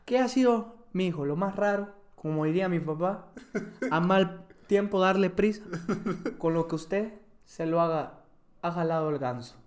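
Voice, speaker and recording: A podcast host with a lilt jokes his way through the chat. His voice sits high for a man, and he keeps the banter quick and teasing. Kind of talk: casual podcast chat reacting to videos.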